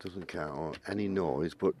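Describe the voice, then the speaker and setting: A man's voice: sits low, steady tone, normal speed, warm tone, slight background noise. A man giving conversational snooker commentary, with chatty explanatory asides as a co-commentator.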